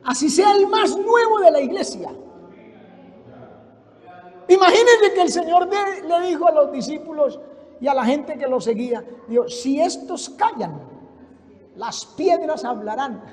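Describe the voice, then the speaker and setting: A male preacher with a very high voice delivers a fervent, storytelling sermon. He calls out to his listeners as brother. His words ring through a large church hall with a long reverb. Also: expressive, moderate pace, long pauses.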